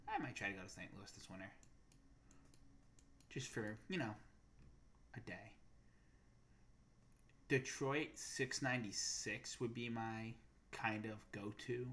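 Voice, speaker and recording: A man's voice: medium pitch, slow, pauses often, a bit bright. A young man co-hosting a podcast, chatting casually and thinking aloud with lots of fillers. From Massachusetts. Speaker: podcast co-host. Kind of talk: casual chat.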